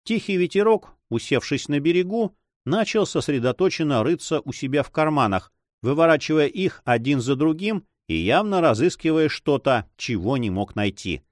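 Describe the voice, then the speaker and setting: Male narrator, scripted storytelling, animated intonation, dry recording. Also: fairly high pitch, moderate pace, few pauses, no echo. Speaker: audiobook narrator.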